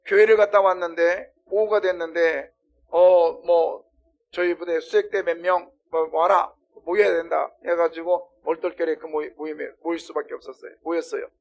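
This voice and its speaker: Male pastor, middle-aged, high voice, preaching, impassioned, loud then hushed. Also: fairly even intonation, moderate pace, gravelly. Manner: impassioned, swings from loud cries to hushed low talk; asks the congregation questions and has them repeat. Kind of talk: sermon.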